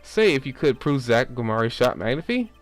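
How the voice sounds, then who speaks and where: A man's voice: mid-range voice, normal speed, soft background music, lightly acted. Man playing a probing game lawyer. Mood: pressing. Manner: questioning, expressive.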